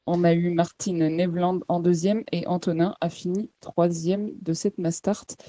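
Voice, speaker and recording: A woman's voice: on the low side, flat delivery, unhurried, warm tone, a little hiss or hum. A woman co-hosting a casual sports podcast, talking with frequent hesitations and easy laughs. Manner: hesitant, many fillers. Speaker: podcast co-host.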